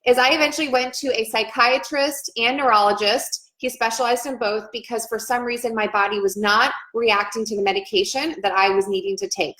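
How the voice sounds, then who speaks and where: A woman's voice: a little high, fairly bright tone. A woman in her thirties, a nurse, sharing her own story earnestly and emotionally, repeating phrases as she goes. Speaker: nurse and vlogger. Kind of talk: personal testimony vlog. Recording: echoey room.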